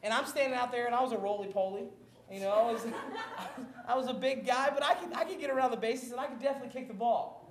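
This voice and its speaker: A high-voiced male pastor from Maryland delivers an animated sermon. He laughs often and pokes fun at himself. The sound carries the echo of a large room. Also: fast, a crowd in the background. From Maryland, USA.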